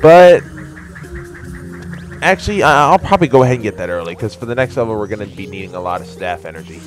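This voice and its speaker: A man's voice: lowish voice, animated, fast, faint music behind. A young man giving casual, joking commentary over a video game he plays. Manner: joking, goofy, breaks into silly voices. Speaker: let's play commentator.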